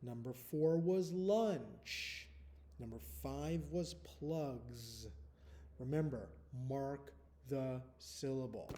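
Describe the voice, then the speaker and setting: A man teaching first graders, dictating a spelling test slowly and deliberately, repeating each word and sound and spelling letters out. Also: medium pitch, mellow, slight background noise.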